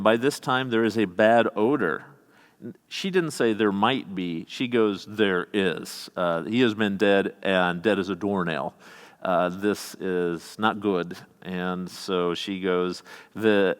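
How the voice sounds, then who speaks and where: Male pastor with a Midwestern accent; sermon delivery, scripture reading mixed with folksy asides; low voice, long church reverb. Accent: American Midwestern. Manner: reads scripture aloud and adds folksy asides. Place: church sanctuary.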